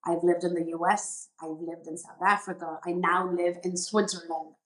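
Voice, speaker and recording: A middle-aged woman from India hosting a podcast, speaking in a measured, earnest way and setting out her points in short phrases. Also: on the low side, level tone, a bit bright, reverberant, rough recording. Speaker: podcast host. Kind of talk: reflective podcast talk.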